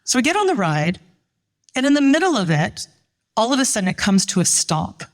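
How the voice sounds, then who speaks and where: A middle-aged woman telling a personal story at a live show, animated and voicing the people she quotes. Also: on the high side, brisk.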